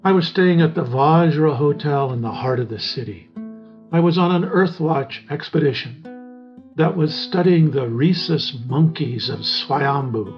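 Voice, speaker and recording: An older man reading his own memoir aloud in a measured, reflective way. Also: on the high side. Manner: slow, measured, reflective storytelling. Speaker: memoir narrator. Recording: dull lo-fi recording.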